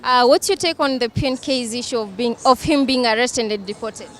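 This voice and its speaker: A woman working as a street reporter, asking passers-by questions in a brisk, polite manner, recorded outdoors on a city street. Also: fairly high pitch. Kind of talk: vox pop interview.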